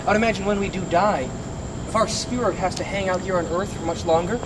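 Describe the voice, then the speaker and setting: A man guiding a ghost tour, telling grim history in a dramatic, deliberate storytelling way with emphatic pauses, recorded outdoors. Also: sits high. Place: outdoors on a city street by an old building. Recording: outdoor recording with clear city traffic noise.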